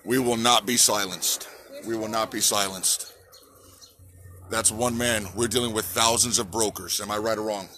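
Rousing bright-voiced man giving a protest speech. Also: lowish voice, steady tone, moderate pace, a little hiss or hum. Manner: rousing, repeats slogans, asks the crowd to answer. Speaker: trucker activist. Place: outdoors on a city sidewalk by a park. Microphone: phone held at arm's length.

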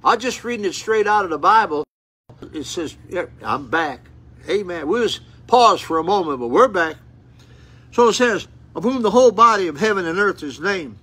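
A man in his eighties preaches while seated in a small room, reading scripture aloud and breaking into fervent exclamations, repeating words and restarting. His high voice is expressive, pushed and bright, slightly rough, at a moderate pace. A phone camera records him at close range.

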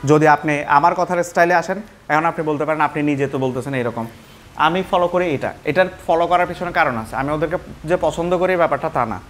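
A man's voice: a little high, brisk, fairly bright tone, slight background noise. A man teaching English pronunciation, switching between Bengali and English and repeating example words.

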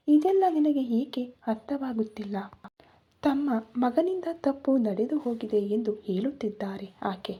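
A woman's voice: a little high, husky, highs cut off, full character voice. A woman voicing a hurt, defiant young mother who pleads tearfully in a storybook reading.

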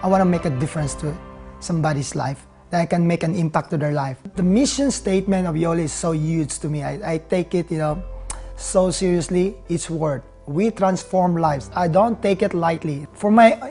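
A Filipino man in his thirties, a nurse turned network marketer, tells his own story in an interview testimonial with a Filipino accent. His voice is on the high side and creaky, and he speaks earnestly but haltingly with lots of fillers. He sits on a leather couch in a living room with soft music underneath.

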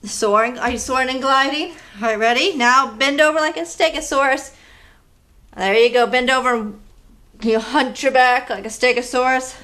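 A young woman reads picture books and leads movement games for small children. Her voice sits high and sounds bright and clear. She speaks in a sing-song, encouraging way, as if talking straight to a child. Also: normal speed. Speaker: children's story time host. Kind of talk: leading a kids' movement activity and reading aloud.

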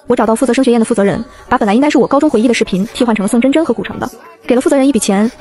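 A woman reads a first-person novel aloud at a breakneck pace. Her voice sits somewhat high for a woman, and the reading stays brisk and scripted throughout. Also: darkish tone. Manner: rapid, brisk storytelling. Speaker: audiobook narrator.

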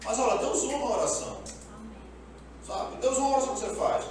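Pastor, animated storyteller, high and expressive voice, echoey church from a distance. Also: male voice, fast talker. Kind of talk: sermon. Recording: echoey room, speaker far from mic, faint background noise.

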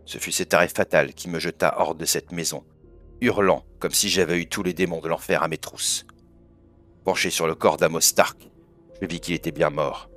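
A man with a very deep voice reads a horror tale in a measured, solemn manner. His delivery is steady and deliberate. Soft music plays faintly behind him. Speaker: audiobook narrator. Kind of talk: dramatic horror story reading.

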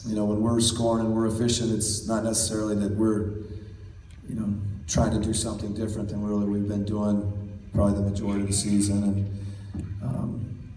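Coach at a press table, measured and steady, low flat delivery, caught from far back in an echoey room. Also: male voice. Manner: measured, steady, many "you know" fillers. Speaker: basketball head coach. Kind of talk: postgame press conference answers. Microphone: table mic, recorded from far in the audience. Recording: roomy, distant, faint hall noise.

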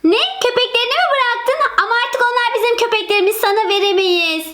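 A woman's voice: extremely high pitch, a little fast, fairly bright tone, slight background noise, voice pushed up. A woman voicing a young daughter who insists on keeping her dogs, in a game role-play. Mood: defiant. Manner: insistent, whiny and pleading.

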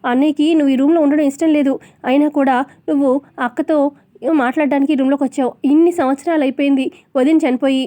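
A woman voicing a kind young sister-in-law who asks gently and worries. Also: high voice, steady tone, quick pace, dry recording, close to an everyday voice. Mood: concerned. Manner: gentle questioning.

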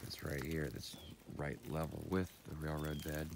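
A man's voice: very deep voice, flat delivery, normal speed, vocal fry, noisy background. A man hosting a hiking vlog, talking in a folksy way to his viewers as friends and walking an overgrown trail, a little out of breath. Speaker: outdoor vlogger host. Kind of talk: casual vlog while hiking.

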